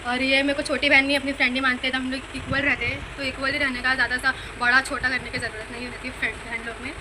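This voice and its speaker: A young woman calmly explaining her side in a casual family vlog chat. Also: sits high, fast talker, noisy background. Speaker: youngest sister.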